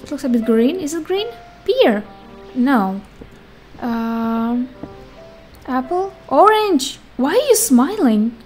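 A woman doing playful let's play commentary, excitable and given to exclaiming, reading game dialogue aloud. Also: sits high, takes it slowly, pauses often. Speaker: gamer playing and commenting. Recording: game music behind the voice. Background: game music.

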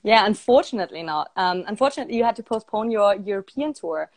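A woman's voice: medium pitch, animated, quick pace, rough recording. A woman hosting a live-stream interview, chatty and giggly, with many fillers. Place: indoors, on a live video stream.

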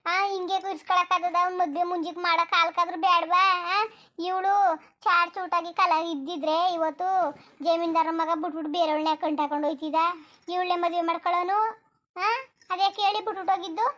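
A woman's voice: very high voice, fairly even intonation, quick pace, bright, forceful tone. A woman voicing a fed-up village mother in a cartoon who scolds and complains at length. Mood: scolding. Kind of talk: cartoon voice acting.

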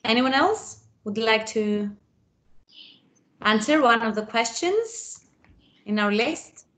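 A woman moderating an online webinar, slowly relaying participants' answers from the chat. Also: fairly high pitch, expressive, fairly bright tone. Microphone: video call.

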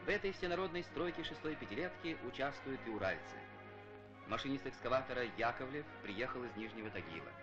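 A man's voice: mid-range voice, expressive, quick pace. Man narrating an old newsreel. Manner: formal, declamatory announcer delivery. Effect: old newsreel film soundtrack. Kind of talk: scripted Soviet-era newsreel narration. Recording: dull lo-fi old film soundtrack under loud music.

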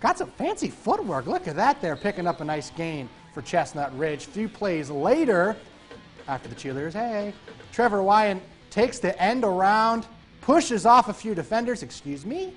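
A man anchoring TV sports, giving playful, informal football highlights commentary. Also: very animated, moderate pace, soft background music. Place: TV studio.

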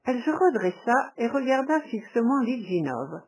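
A woman reading a classic novel aloud as audiobook narration, measured and even. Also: on the high side, husky, rough recording. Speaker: audiobook reader.

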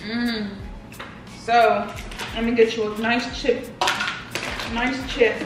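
A woman's voice: fairly high pitch, little pitch movement, takes it slowly, background noise. A woman in her twenties with an American accent, bantering casually on camera in a playful, bossy way. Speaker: vlogger. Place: home kitchen, indoors. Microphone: camera across the counter. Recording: echoey kitchen, distant mic, music behind.

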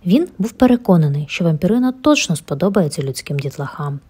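A woman reading a children's bedtime story aloud in a gentle, expressive way, with a breathy voice. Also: lowish voice, fairly quick.

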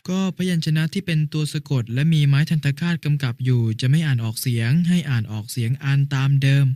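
A man's voice: mid-range voice, fast, a little mellow, no room sound, clean studio sound, close to an everyday voice. A man playing a patient older brother who explains a lesson step by step in an educational cartoon.

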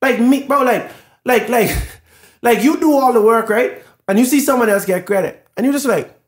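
Brief: male podcast co-host, loose animated Bible chat, "bro" in every other line, roomy echoey sound. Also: very high-pitched, moderate pace. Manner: casual and animated, says "bro" constantly. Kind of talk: casual Bible discussion podcast.

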